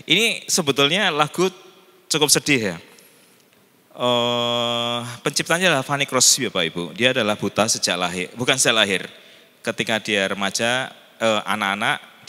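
A man's voice: fairly low pitch, pushed and bright. A man leading a church seminar in a chatty way, turning to the audience with questions. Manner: chatty, mimics voices, asks the audience. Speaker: church event moderator. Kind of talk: casual church seminar talk. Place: church hall. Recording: long hall reverb with faint music.

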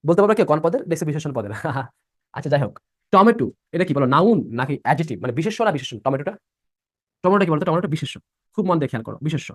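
Young guy teaching fast, voice jumping all over, keeps asking the class questions. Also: a little high, sing-song, no room sound, clean studio sound. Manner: repeats points and quizzes students by asking questions. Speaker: admission-prep teacher. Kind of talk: live online class lesson.

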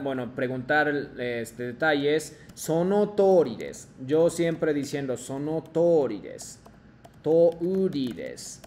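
A man teaching a Japanese class online, slowly modeling phrases for his students to repeat. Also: on the high side, a little mellow, a little hiss or hum. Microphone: video call.

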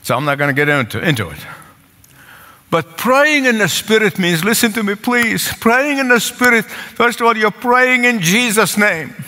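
Speaking at a moderate, animated pace, an older male pastor with an Egyptian accent preaches from the pulpit in a high, bright voice. His tone is earnest and pleading, and he repeats phrases to drive points home. A long reverb fills the large sanctuary where his congregation sits.

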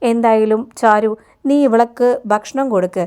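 A woman voicing a gentle, protective middle-aged uncle who reassures his niece. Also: on the high side, normal speed, smooth, lightly acted. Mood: reassuring. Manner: soothing, reassuring.

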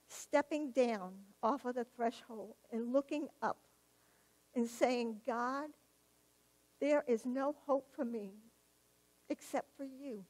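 A woman giving a personal testimony in church, telling her story vividly and acting out the dialogue. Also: a little high. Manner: animated storyteller, acts out quoted dialogue, laughs at herself.

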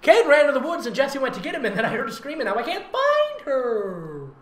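This host, fan fiction reader and voice actor has an extremely high voice that swoops wildly in pitch, and he moves at a brisk clip. He reads fan fiction aloud for comedy, theatrical and giggly, tossing in sarcastic, mocking commentary. There's a roomy echo and faint noise in the recording.

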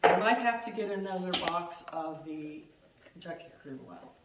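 A woman's voice: fairly low pitch, lively intonation, normal speed. Chatty woman cooking in an echoey kitchen. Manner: chatty, self-deprecating, laughs easily. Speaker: home cooking host. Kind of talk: casual cooking demo. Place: home kitchen, indoors. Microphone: far camera. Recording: roomy, distant, noisy.

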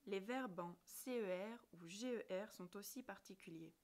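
A woman's voice: medium pitch, moderate pace, a little mellow. A woman teacher narrating a scripted grammar lesson, articulating each word carefully and spelling out letters one by one. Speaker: French language teacher.

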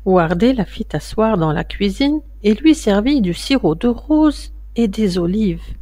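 A woman reads a children's tale aloud, taking her time over each phrase. Her voice moves with lively, expressive melody, and the sound is dry and close. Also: mid-range voice, no echo. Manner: slow, expressive storytelling. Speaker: storyteller reading a children's tale.

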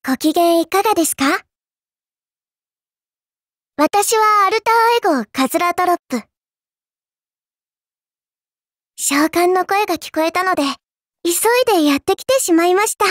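With a childlike, very high voice, the little AI servant girl from an anime mobile game sounds gentle and polite. She is expressive at a moderate pace with long pauses, her sweet manners tinged with prim, smug appraisal. There's no echo or room sound.

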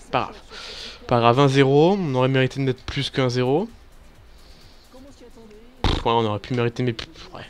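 A man giving casual, excitable commentary over a football video game, swearing and cheering at his players. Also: medium pitch. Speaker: gaming YouTuber. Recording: faint background music.

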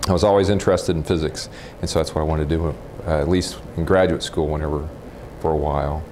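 Indoors in a house, an American man from Texas in his forties, a nuclear physicist, recollects his life in an informal oral history interview. His pitch is extremely low and his tone steady, his delivery matter-of-fact but halting. Faint background noise comes through his lapel mic.

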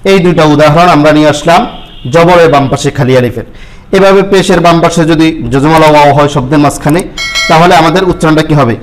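Man slowly teaching Arabic letter sounds. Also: fairly high pitch, slight background noise, low-quality recording. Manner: repeats syllables slowly for the listener. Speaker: Quran reading teacher. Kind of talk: step-by-step lesson with spoken examples.

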